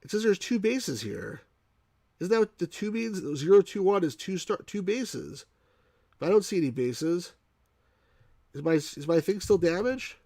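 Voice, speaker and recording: A man's voice: sits high, sing-song, moderate pace, gravelly, dark tone, no echo, clean studio sound. A man from New York with a mild New York accent, casually commenting on a game as he plays, thinking aloud and answering chat. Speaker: game reviewer streaming. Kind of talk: casual live gameplay commentary.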